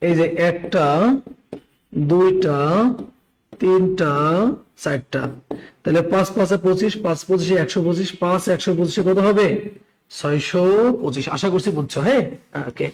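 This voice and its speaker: A man's voice: high-pitched, normal speed, pauses often, a little mellow, poor audio. A tired man with a Bangladeshi Bengali accent and a strained voice teaches a live online math class, repeating steps and quizzing his students. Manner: repeats steps, quizzes listeners, greets chat by name. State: tired, talking slowly.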